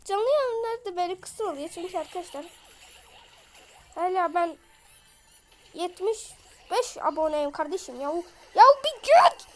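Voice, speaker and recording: A woman with a voice off from illness, giving excitable live gameplay commentary, chatting in slang and yelling at opponents. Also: extremely high pitch, normal speed, long pauses, a little hiss or hum. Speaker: gaming video creator.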